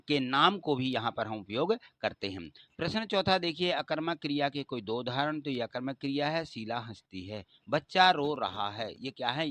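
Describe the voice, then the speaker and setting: A man teaching a grammar lesson at an average pitch, explaining step by step. He keeps asking his own questions and answering them right away. The recording is dry and close, with no room sound. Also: fairly bright tone, dry recording.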